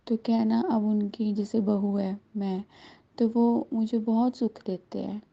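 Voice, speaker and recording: A woman's voice: medium pitch, level tone, unhurried, gravelly. A woman in her thirties giving an earnest, heartfelt devotional testimony to a congregation. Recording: dull lo-fi recording.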